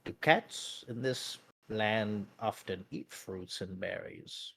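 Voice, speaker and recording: A man voicing a dazed, socially oblivious scholar character in a tabletop game, talking slowly and quietly. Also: on the low side, husky, no room sound, pitched below the performer's own voice, full character voice.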